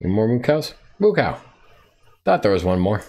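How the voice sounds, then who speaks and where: A man's voice: fairly low pitch, expressive, fast talker, mellow. A man streaming a survival game live, chatting playfully to himself and to the animals on screen. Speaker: gaming streamer. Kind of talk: live gameplay commentary.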